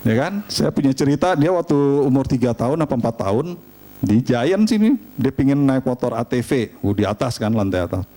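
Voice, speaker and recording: A middle-aged man, preaching a sermon and telling family stories in an animated, humorous way. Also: mid-range voice, fairly quick, slight background noise. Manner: animated storytelling, chatty and humorous. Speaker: pastor.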